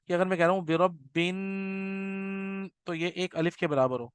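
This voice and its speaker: A man teaching a recitation class, explaining patiently and often checking that students follow, and demonstrating slow nasal recitation. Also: a little high, smooth, dry recording.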